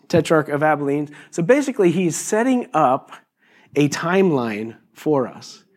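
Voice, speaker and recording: A pastor in his fifties preaches a sermon loosely and conversationally, with many fillers and restarts. His voice is fairly high and sounds a little raspy this morning.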